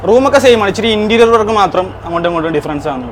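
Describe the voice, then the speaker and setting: A man's voice: lively intonation, racing. A man with a Kerala Malayali accent giving a casual guided tour as a guide, mixing English words and phrases into his Malayalam. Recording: noisy outdoor video with engine rumble.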